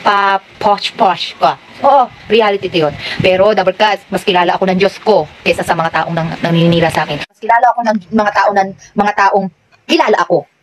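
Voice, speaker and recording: A woman's voice: medium pitch, fast, slight background noise, low-quality recording. A woman vlogger talks in a confessional way to her followers, calling them by a pet name, with a lot of restarts and rambling. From Philippines. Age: adult with daughters. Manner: confessional, repeatedly calls the viewers "Dabarkads". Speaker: online seller and vlogger. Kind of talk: heartfelt talk to followers.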